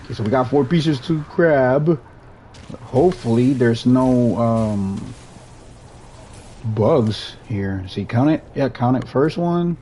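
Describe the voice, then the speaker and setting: A young man from Puerto Rico narrates his gameplay as a streamer, animated yet slow, his mid-range voice mellow over slight background noise. Spanish is his native language and his accent is Puerto Rican; he rambles in an easygoing way and keeps restarting sentences.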